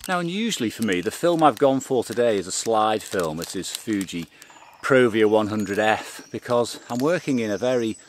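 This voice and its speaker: A middle-aged man talking to camera in a forest, calmly explaining his photography gear step by step. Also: lowish voice, normal speed, slight background noise. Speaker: photography vlogger. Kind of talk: casual explanatory talk to camera. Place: outdoors in a green forest.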